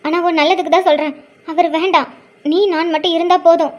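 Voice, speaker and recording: Woman voicing a young mother, cartoon drama, tearful, pleading, resolute, high voice. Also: fairly even intonation, fast, darkish tone.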